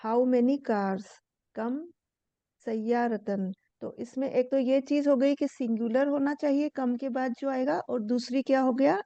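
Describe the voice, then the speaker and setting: A woman's voice: fairly high pitch, mellow, no room sound. Patient woman teaching Arabic grammar. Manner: patient, asks and answers her own questions, many fillers. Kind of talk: explaining a lesson, reading English lines slowly. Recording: dull, lo-fi voice recording.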